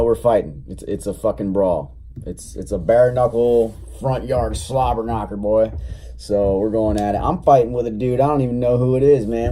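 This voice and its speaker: A man's voice: fairly low pitch, mellow, slight background noise. A young man casually telling a story in a rambling, profane, laid-back way, still recovering from being sick. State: recovering from illness, coughing. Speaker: vlogger.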